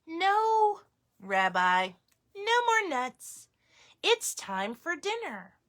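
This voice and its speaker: A kindly old grandmother in a picture book, fond and gently chiding, pitched high with a bright, lively lilt, as a woman reading aloud puts her on. She talks slowly, her voice swooping up and down. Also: heavily acted. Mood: fond teasing. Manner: chiding yet affectionate. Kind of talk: storybook read-aloud.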